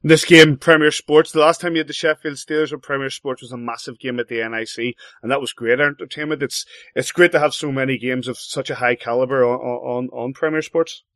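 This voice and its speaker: A man hosting a hockey talk show, animated and swooping up in pitch on his points. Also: a little fast, hardly any pauses, dry recording, clean studio sound. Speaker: host. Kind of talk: casual sports chat.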